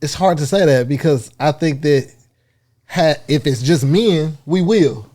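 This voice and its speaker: A man's voice: fairly high pitch, animated, unhurried, dark tone. A man with an American accent, co-hosting a podcast and arguing his point in long, earnest, blunt runs of casual chat. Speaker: podcast co-host.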